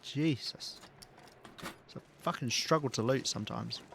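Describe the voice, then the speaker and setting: A little slow, creaky, and a bit bright, this mid-range male voice belongs to a game streamer from the south of England. He offers chatty, wry live commentary on his gameplay, with occasional swears and laughs, over slight background noise.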